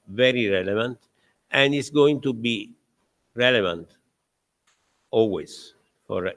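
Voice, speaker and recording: Halting older man introducing. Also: mid-range voice, fairly bright tone. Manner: halting, many filler pauses, chuckles through anecdotes. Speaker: professor introducing the guest lecturer. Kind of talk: formal lecture introduction.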